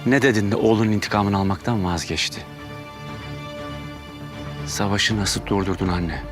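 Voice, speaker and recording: An actor playing a younger brother and son who leads his family, intense and reproachful, his voice rising to shouts. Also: lowish voice, moderate pace, lightly acted. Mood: pressing. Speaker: family leader in a TV drama. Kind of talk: TV drama acting. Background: dramatic music score.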